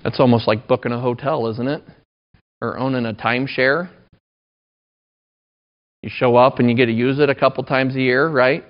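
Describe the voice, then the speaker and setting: A man's voice: medium pitch, fairly even intonation, moderate pace, pauses often. A man in his thirties preaching a sermon in a conversational, self-deprecating way. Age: 30s. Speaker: pastor. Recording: dull lo-fi recording.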